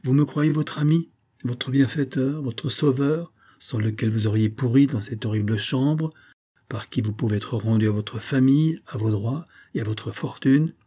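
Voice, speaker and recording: A man's voice: mid-range voice, moderate pace, warm tone, husky, lightly acted. A man doing a silky, scheming army major. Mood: coaxing. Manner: coaxing, honeyed, then contemptuous. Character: smooth, scheming middle-aged army major.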